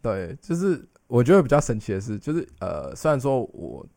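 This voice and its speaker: A man's voice: medium pitch, sing-song, brisk, dark tone, dry recording. A young man, co-hosting a podcast in casual chat, rambling with restarts and English phrases mixed in. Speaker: podcast co-host.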